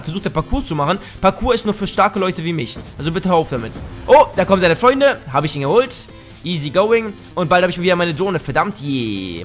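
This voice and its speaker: A young man rambling through live gameplay commentary, joking, having just woken up and bursting into loud shouts. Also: a little high. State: just woke up. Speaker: gaming YouTuber. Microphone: headset.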